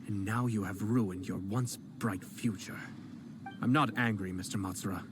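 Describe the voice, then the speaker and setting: An actor playing a composed male noble commissioner in a game, speaking calmly and politely with a cutting edge. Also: lowish voice, moderate pace, background noise, lightly acted. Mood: disdainful. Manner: calm, polite, coolly cutting. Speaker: game character. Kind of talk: game cutscene voice acting.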